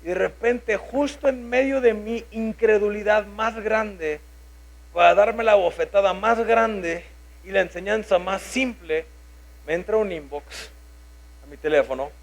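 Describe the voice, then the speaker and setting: Unhurried and high-pitched, a man in his thirties with a Mexican Spanish accent delivers a sermon built around his own experience. He's animated, dramatizing his inner voice as he goes.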